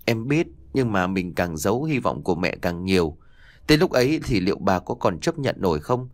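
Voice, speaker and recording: A man voicing a gentle young wife in an audio story, speaking softly and hesitantly. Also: low-pitched, big pitch swings, normal speed, dry recording, voice pushed down. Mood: teasing. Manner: soft and hesitant.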